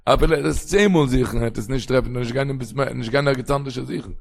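A man's voice: medium pitch, fast talker, creaky. A man giving a traditional religious lecture in an emphatic manner, often slipping into a sing-song chant. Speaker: religious teacher.

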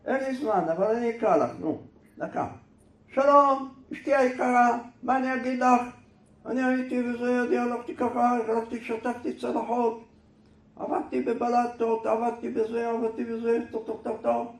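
Figure: a man doing a shouting impatient passerby. Sex: man. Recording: echoey room, faint noise. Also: high-pitched, sing-song, pitched above the performer's own voice. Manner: loud, harsh, hurried. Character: impatient male passerby shouting a letter aloud.

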